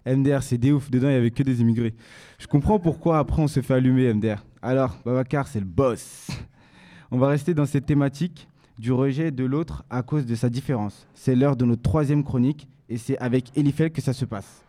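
A man's voice: medium pitch, fairly quick, dark tone. A teenage boy hosting a student radio show in a casual, joking way. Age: late teens.

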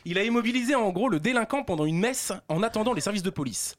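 A young man delivering a comic news column on a group show, joking, excitable and laughing as he stumbles over his words. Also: sits high, fast, crowd noise.

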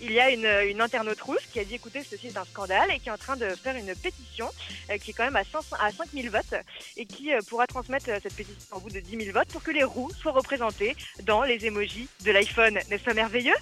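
A woman with a high, fairly bright voice delivers a playful, teasing web news column on the radio. She talks quickly, jokes and laughs along the way, with faint music in the background.

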